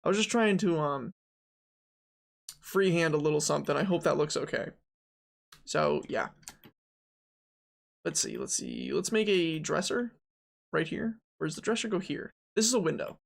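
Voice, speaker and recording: Young male streamer with a gravelly, fry-edged voice, rambling chattily over keyboard clicks while he builds a 3D model live. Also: on the high side, expressive, normal speed, long pauses. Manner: chatty, thinks aloud, reads and answers chat. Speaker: game dev streamer.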